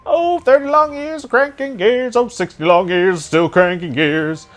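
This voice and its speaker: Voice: steady tone, unhurried, natural voice. A player putting on a cackling old windmill man. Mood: sing-song lament. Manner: sing-song, high, cackling laugh.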